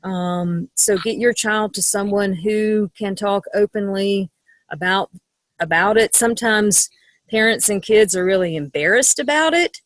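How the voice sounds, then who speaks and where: A woman's voice: medium pitch, unhurried, dry recording, poor audio. A middle-aged woman speaking as a sex educator in an interview, frank and matter-of-fact, with frequent ums. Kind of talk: interview conversation.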